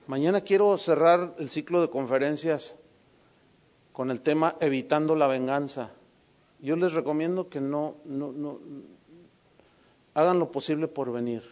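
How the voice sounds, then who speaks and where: A man preaching a sermon, telling a personal story, swinging from hushed lines to emphatic ones. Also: on the high side.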